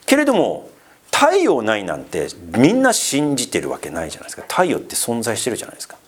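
Animated, chatty male preacher. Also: mid-range voice, quick pace, husky. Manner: chatty, asks the congregation questions and teases them; many fillers and asides. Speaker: pastor. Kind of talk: casual conversational sermon.

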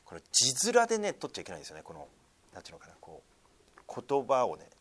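A man's voice: quick pace, husky. A man preaching a sermon to a congregation, with frequent fillers, sometimes calling on listeners directly. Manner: lively swings in pitch and loudness, many fillers, asks congregation. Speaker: pastor.

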